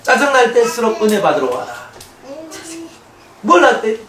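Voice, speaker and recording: A male pastor preaches in a lively, high-pitched voice that swings widely and keeps asking the congregation questions. He is picked up from a distance in an echoey church, with a faint hiss behind him. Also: moderate pace. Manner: animated, conversational, often laughing. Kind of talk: expository sermon. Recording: echoey room, mic at a distance, faint noise.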